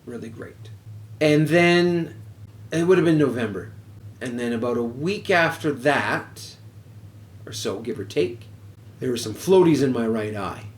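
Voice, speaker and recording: A man's voice: mid-range voice, lively intonation, measured pace, long pauses. A man telling a personal story in a casual way, frank and swearing freely. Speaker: podcast host. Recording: roomy echo, faint background noise.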